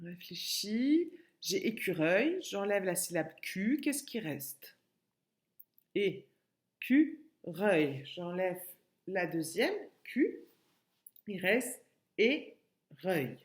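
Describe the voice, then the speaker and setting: A woman's voice: medium pitch, big pitch swings, takes it slowly. A woman with a French accent, a kindergarten teacher recording a lesson for a child at home and breaking words into syllables patiently.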